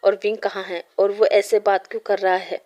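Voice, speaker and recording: A woman's voice: mid-range voice, little pitch movement, normal speed, darkish tone, lo-fi sound, close to an everyday voice. Woman reading as a young mafia boss. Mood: explaining. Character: young man, protective brother, secretly a mafia boss.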